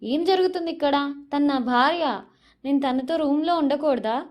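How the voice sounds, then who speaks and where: A woman's voice: high-pitched, moderate pace, pitched above the performer's own voice, close to an everyday voice. A woman playing a stubborn, aggrieved young husband. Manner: loud, pleading, keeps arguing back.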